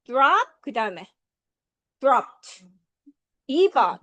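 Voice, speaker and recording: A woman teaching English to a class, drilling pronunciation and quizzing her students in a lively, coaxing way. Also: high voice, extremely slow. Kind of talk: classroom lesson.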